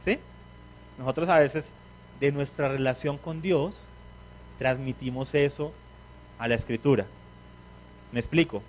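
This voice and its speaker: A man's voice: on the high side, darkish tone. A man preaching a sermon, who asks the congregation questions and acts out the words of biblical figures.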